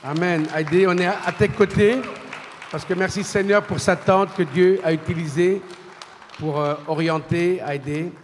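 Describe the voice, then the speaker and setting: A man's voice: high-pitched, steady tone, moderate pace, a faint crowd, slight background noise. Fervent man hosting a church service. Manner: fervent, exclamatory praise. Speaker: church leader presenting a testimony. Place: church hall. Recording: long church-hall reverb.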